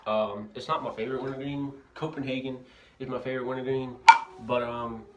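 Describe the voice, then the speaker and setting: With dip tucked in his lip, a young Louisiana man casually reviews a product in the bathroom of a house. He speaks fairly quickly in a mid-range voice with fairly even intonation, and the amateur bathroom recording is noisy and full of clicks.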